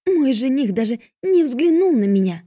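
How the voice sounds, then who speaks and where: A woman voicing a spiteful young stepsister who yells with jealous scorn. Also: medium pitch, animated, normal speed, breathy edge, no room sound, studio quality, voice pushed up. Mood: furious. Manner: yelling, scornful.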